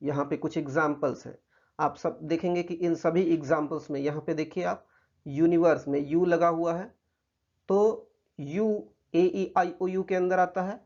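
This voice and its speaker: A man with an Indian accent teaching a grammar lesson, patiently explaining slides and reading English examples slowly. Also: on the high side, steady tone, darkish tone. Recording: muffled lo-fi recording.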